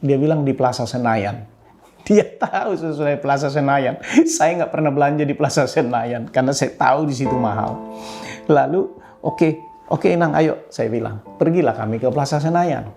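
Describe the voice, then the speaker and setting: An older man, telling a personal story to an audience in an animated way with sudden pitch jumps. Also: normal speed, vocal fry, faint music behind. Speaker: speaker addressing an audience. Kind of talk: storytelling talk.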